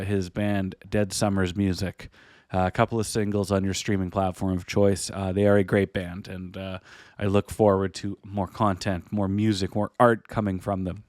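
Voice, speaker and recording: A man's voice: lowish voice, smooth, dry recording. Chatty male podcast host, dry close mic. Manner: relaxed, chatty, many "uh" fillers. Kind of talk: casual solo podcast intro.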